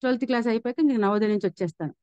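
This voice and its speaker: A woman's voice: on the high side, racing, mellow, no echo, highs cut off. A woman telling her personal faith testimony in an earnest, reflective way, with frequent restarts.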